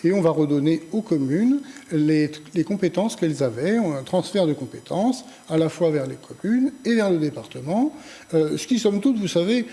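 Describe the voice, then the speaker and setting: A man's voice: on the high side, animated, normal speed, warm tone. A local party president arguing his side in a televised political debate, correcting how the question was framed. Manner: argumentative, correcting the opponent's framing. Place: local TV studio.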